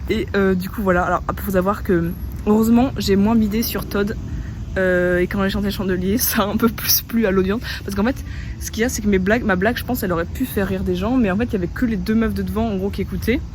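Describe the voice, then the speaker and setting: A woman's voice: medium pitch, fairly even intonation, fast, noisy background. A young woman from France talking to her phone in a casual travel vlog, chatty and self-mocking, with lots of fillers. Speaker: travel vlogger. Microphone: phone held by hand.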